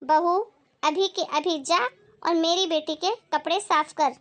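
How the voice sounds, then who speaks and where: A woman's voice: very high-pitched, fairly even intonation, slow pace. A woman voicing a middle-aged mother who dotes on her daughter and bosses her son's wife, in a dramatized moral story. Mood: scolding. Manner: scolding, bossy toward the daughter-in-law. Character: doting, scheming middle-aged mother-in-law.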